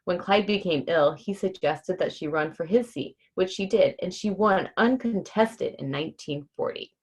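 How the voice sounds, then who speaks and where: Her voice is on the low side, a little mellow and breathy, at a moderate pace. As host of a casual children's read-aloud livestream, she talks informally and puts hard words into simple terms for young listeners.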